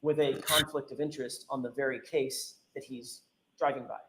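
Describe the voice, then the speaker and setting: A man's voice: medium pitch, steady tone, normal speed, noisy background. Man pressing questions in a roomy courtroom. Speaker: defense attorney. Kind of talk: courtroom cross-examination. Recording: roomy courtroom audio with faint ambience.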